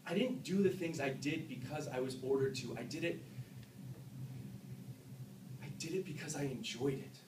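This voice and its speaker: A man in his twenties performing a dramatic monologue as a tormented, self-loathing young Vietnam veteran, with an intense, halting, emotional delivery, recorded from afar in a classroom. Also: medium pitch, lightly acted. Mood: bitter, self-loathing. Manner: intense, emotional, halting delivery swinging between hushed and explosive. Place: classroom, indoors. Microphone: far camera. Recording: roomy, distant camera mic with faint noise.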